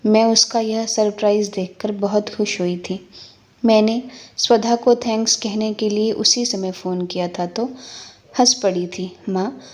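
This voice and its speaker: Calm woman storyteller in her fifties. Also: medium pitch, a little slow. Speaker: narrator. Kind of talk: first-person storytelling.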